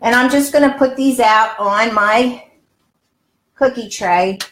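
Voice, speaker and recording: An older woman around her 60s, a health coach and cooking show host, does a casual live cooking demonstration, talking straight to viewers in her home kitchen. Her voice is on the high side, slow and a bit bright, chatty and exclamatory. The kitchen sounds roomy, echoey and reverberant.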